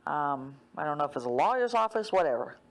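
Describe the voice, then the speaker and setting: Woman, low-pitched, loose rambling dream retelling with lots of fillers. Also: sing-song, a little fast. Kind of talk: casual spoken retelling of a dream.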